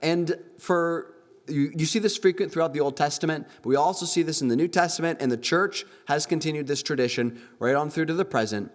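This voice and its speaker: A man preaching a sermon as pastor at a church service, in an animated preaching manner that acts out the figures he quotes. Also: on the high side, brisk, big-room sound.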